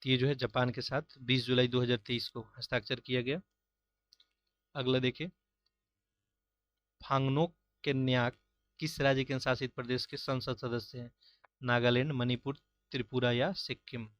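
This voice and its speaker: A man working through mock-test questions as an exam-prep teacher, reading each question and its options, then giving the answer in a steady, explanatory way. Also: mid-range voice, normal speed, long pauses, no echo. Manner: steady, explanatory, repeats filler "jo hai".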